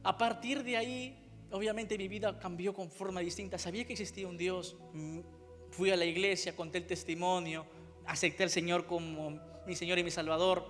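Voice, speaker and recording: Emotional high-voiced Spanish preacher. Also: male voice, fairly even intonation, normal speed, a bit bright, in a large hall, faint music behind. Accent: Spain Spanish. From Spain. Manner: emotional, repeats phrases, reenacts his own cries. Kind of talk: sermon testimony. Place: church.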